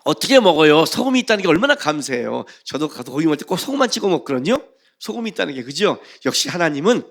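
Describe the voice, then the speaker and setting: A pastor preaches a sermon in a slightly high voice, reading scripture and posing questions to the congregation. He swings between loud emphasis and hushed phrases.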